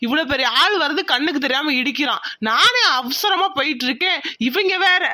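A woman voicing a brash, scheming young village man in a cartoon, scolding and taunting loudly. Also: sits high, expressive, a little fast, no echo, studio quality. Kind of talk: cartoon voice acting.

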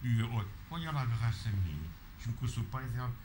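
A man's voice: mid-range voice, animated, fast, noisy background. A man talking casually at home, doting and cooing in baby talk. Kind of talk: casual home video chat.

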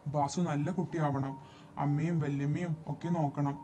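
A man voicing a gentle, hurt young woman who speaks softly and wearily. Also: a little high, steady tone, moderate pace, slight background noise, lightly acted. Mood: tender. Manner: soft, hushed, weary. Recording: dull lo-fi recording, faint music behind.

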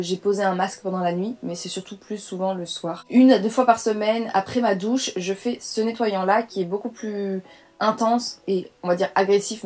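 A young woman talks through her skincare haul in a relaxed, chatty way, often pausing on fillers and restarting her sentences. Her pitch sits in the middle range for a woman. It sounds like a casual beauty vlog made at home. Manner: chatty, hesitant with frequent fillers. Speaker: beauty vlogger. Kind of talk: casual product review chat.

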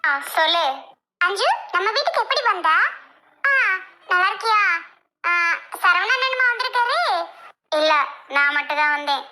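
A woman's voice: extremely high pitch, expressive, moderate pace, long pauses, bright, forceful tone, a little hiss or hum, full character voice. A woman voicing an eager, chirpy young woman in a homemade family skit. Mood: hurt. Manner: eager, pleading.

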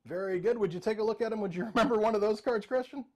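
A man's voice: high voice, very fast, darkish tone. A middle-aged man performing jokey, interactive mind-reading magic patter as a showman, addressing participants by name. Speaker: virtual magician and mentalist. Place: indoor room with bookshelves, video call.

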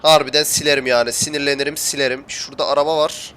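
A man's voice: on the high side, steady tone, fast, pushed and bright, smooth. A young man commentating his gameplay for viewers, chatty and often complaining that he is getting annoyed. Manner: grumbling, gets worked up and complains to viewers. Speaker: gaming YouTuber.

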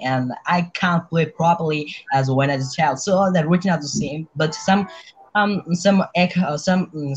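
A man's voice: a little high, highs cut off, background noise. A teenage boy from Bangladesh, a student guest answering questions politely in simple English over a video call, often saying "sir". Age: teens. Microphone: webcam on video call.

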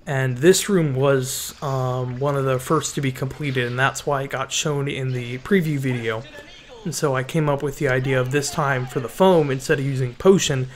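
Narrating a Minecraft build, a mid-range-voiced man keeps his voice-over casual and relaxed. His sentences often get restarted, and he fills his pauses with ums.

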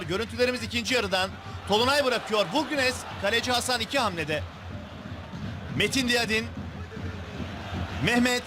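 Male football commentator, very high excited delivery, raised voice, noisy 1990s sports broadcast. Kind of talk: match highlights commentary.

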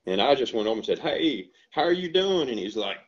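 An older Southern man who runs a dairy farm and an ice cream shop tells stories in an animated, earnest, folksy way, speaking fairly quickly at a medium pitch. It's a casual video-call interview recorded through a headset in a home room lined with bookshelves, so the audio comes across slightly dull and lo-fi.

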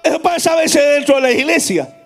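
High, gravelly shouting preacher. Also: male voice, animated, fairly quick, faint music behind. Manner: fervent, shouting in bursts, then dropping low. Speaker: pastor. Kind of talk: shouted Pentecostal sermon.

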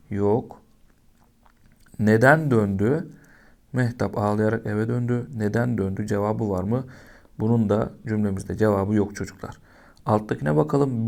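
A man's voice: on the low side, gravelly, dark tone. A man teaching a primary school lesson, patiently asking young children questions and answering them himself.

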